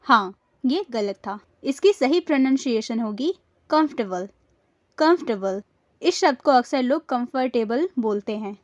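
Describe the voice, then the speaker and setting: A woman's voice: high-pitched, no echo, muffled recording. A woman teaching English pronunciation in a scripted lesson, repeating each word twice and quizzing her viewers.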